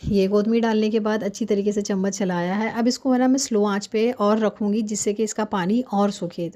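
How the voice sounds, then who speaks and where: A woman doing a hurried, chatty cooking voice-over while fasting, explaining each step at home. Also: medium pitch, warm tone. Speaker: home cook vlogger.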